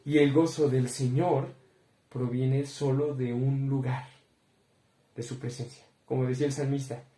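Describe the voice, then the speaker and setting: A man's voice: mid-range voice, flat delivery, unhurried, warm tone. A young man giving a devotional Bible teaching, earnest, often addressing listeners as brothers. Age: young adult. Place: room with bookshelves behind him. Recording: roomy echo.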